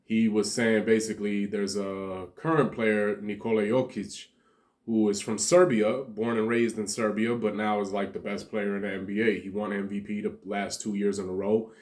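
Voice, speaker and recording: A man's voice: on the low side, steady tone, moderate pace, a little mellow. A man from Montenegro giving a rambling, slangy commentary monologue as a vlogger, laughing between points.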